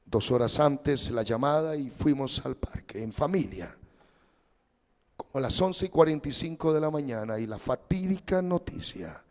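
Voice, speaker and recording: A pastor preaching a sermon as dramatic storytelling, his voice swinging between loud and hushed. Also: mid-range voice, lively intonation, normal speed, big-room sound.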